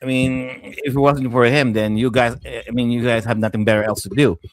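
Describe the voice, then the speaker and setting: A man on a podcast panel in casual movie talk, animated and acting out scenes, swearing now and then. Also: medium pitch, brisk, a little hiss or hum. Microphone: video call mic.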